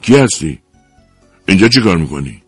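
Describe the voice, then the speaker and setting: A man's voice: fairly low pitch, animated, breathy edge, no room sound, faint music behind, pitched above the performer's own voice. A man voicing a rude, suspicious older male neighbor who demands answers.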